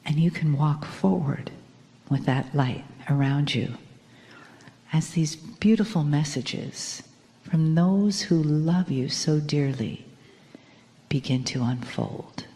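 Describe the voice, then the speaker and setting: A woman leads a guided meditation in a soft, breathy, spa-like voice. She takes her time, speaking very slowly in a dark, mellow tone, with long reverb around every phrase. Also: sits low.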